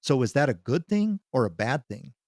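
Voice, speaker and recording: A determined pastor speaks in a steady, reassuring way, voiced by the male narrator. His voice sits in an ordinary middle register. The recording is dry. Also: mid-range voice, normal speed, creaky, no room sound. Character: calm determined male pastor fighting demons.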